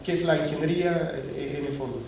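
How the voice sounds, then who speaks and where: A Scottish conference speaker, a middle-aged man with a mid-pitched voice, gives a technical talk to a packed auditorium, heard from far off in a very echoey hall. He hesitates constantly, with frequent fillers and restarts, yet keeps a steady tone and a brisk pace. A faint hum of noise runs beneath him.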